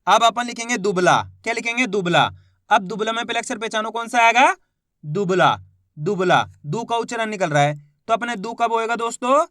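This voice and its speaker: Male reading teacher, high-pitched, dry close sound, patient syllable-by-syllable delivery. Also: sharp tone, dry recording. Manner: sounds out syllables slowly, asks pupils questions. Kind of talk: step-by-step spoken lesson.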